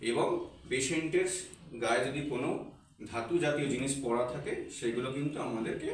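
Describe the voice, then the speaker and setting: Speaking fairly quickly at a medium pitch, a male physiotherapy instructor gives a casual on-camera lesson, explaining step by step and going over points again and again. He sounds far from the mic in a very reverberant indoor room, and music plays in the background.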